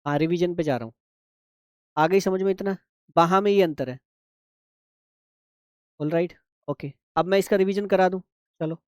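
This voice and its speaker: A man teaches shorthand in a live online class. His voice sits a little high for a man, and the recording is dry and close, with no room sound. He takes each step slowly and keeps checking that the class has followed. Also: clear, resonant tone, dry recording. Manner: patient, repeats steps, checks if students understand.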